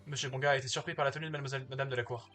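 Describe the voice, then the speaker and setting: A man's voice: medium pitch, steady tone, racing, pushed and bright, soft background music, pitched below the performer's own voice, lightly acted. A man reading aloud as a young male rookie defense attorney in a video game. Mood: earnest.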